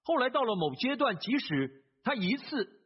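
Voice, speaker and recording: A man's voice: very high voice, very animated, normal speed, slightly rough. A man preaching a sermon, telling a story earnestly, with hesitant fillers and repeated phrases. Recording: dull lo-fi sermon recording.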